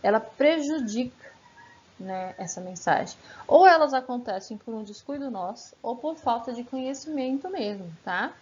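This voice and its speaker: A Portuguese teacher gives an informal grammar lesson in a chatty, questioning way, using frequent "né" and "tá" tags and rhetorical questions. Her voice is fairly high, expressive, slightly mellow and at normal speed, recorded slightly muffled with faint background hiss.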